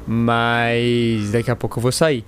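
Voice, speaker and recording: A man hosting a casual podcast, chatting and joking with his co-hosts in quick asides. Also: medium pitch, flat delivery, slight background noise. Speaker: podcast host.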